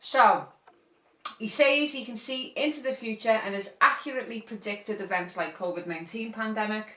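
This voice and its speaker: Podcast co-host, woman, animated and giggly; slightly high voice, mic at a distance. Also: normal speed. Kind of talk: casual chat. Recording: roomy, from a distance.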